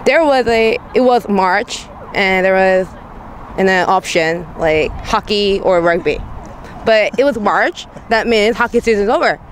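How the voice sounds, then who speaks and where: A woman's voice: mid-range voice, animated, a little slow, a little hiss or hum. A woman, a rugby player, answering animatedly while searching for words. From Korea. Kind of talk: interview answers.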